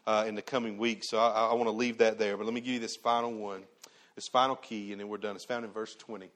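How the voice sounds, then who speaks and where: A man preaching a sermon to his church, animated, asking rhetorical questions and dropping from loud bursts to hushed tones. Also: mid-range voice. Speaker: pastor.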